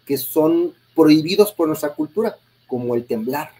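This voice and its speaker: A man hosts an interview in a husky, breathy voice with a dark, mellow tone. He thinks aloud in a measured way and pauses on small fillers as he builds his points. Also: a little high, animated, rough recording. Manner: measured, reflective, frequent "este" fillers. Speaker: host. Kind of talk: conversational interview.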